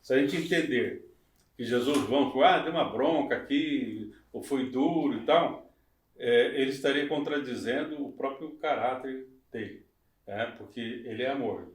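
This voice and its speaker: A male pastor in a casual Bible study conversation, explaining calmly and affirming his partner often. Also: mid-range voice, normal speed, far from the mic. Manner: agreeable, explanatory, frequent short affirmations. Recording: echoey room, away from mic.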